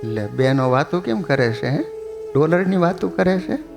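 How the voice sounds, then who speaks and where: A man preaching a sermon, telling humorous stories and chanting verses slowly. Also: fairly high pitch, expressive, vocal fry, over music. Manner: storytelling, quotes verses in slow chant.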